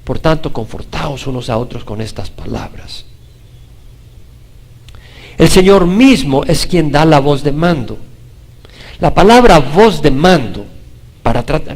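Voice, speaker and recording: A man preaching a Bible-study sermon with a Latin American Spanish accent. He is emphatic, puts questions straight to his listeners and moves between loud declarations and low, quiet asides. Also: creaky, slightly rough. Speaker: pastor.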